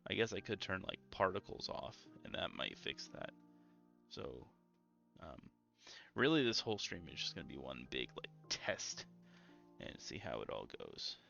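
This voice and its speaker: Chill young guy streaming, deep gravelly voice, kinda sleepy calm, lots of ums, bit muffled with faint music. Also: moderate pace. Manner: low-energy, calm and mellow, with frequent ums. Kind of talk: casual gameplay stream chat.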